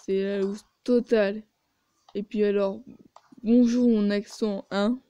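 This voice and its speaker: A woman's voice: medium pitch, fairly even intonation, slow, dark tone, smooth, no room sound, muffled recording. A woman reading a story game aloud and adding sarcastic asides. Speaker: video game player.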